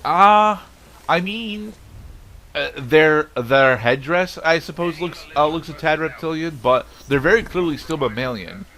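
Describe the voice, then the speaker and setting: Man doing halting, explanatory game commentary. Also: a little high, lively intonation, pushed and bright. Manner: halting, explanatory, repeats himself mid-sentence. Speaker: let's play host, player.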